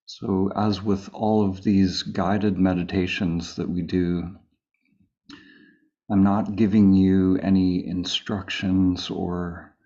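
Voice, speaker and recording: In a slightly dull, muffled recording, a man with a deep, gravelly voice calmly leads a slow live meditation. He keeps his delivery very even, offering short phrases with long gaps between them.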